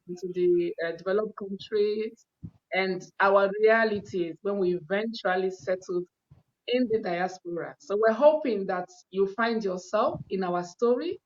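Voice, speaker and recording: A woman's voice: medium pitch, a little mellow. A woman hosting an online panel, introducing guests in an upbeat, encouraging way. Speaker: host. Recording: dull, lo-fi sound.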